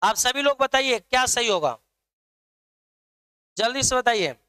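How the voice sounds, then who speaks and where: A man's voice: very high voice, expressive, unhurried, pushed and bright, clean tone. A man teaching an online math lesson, drilling his students with repeated questions.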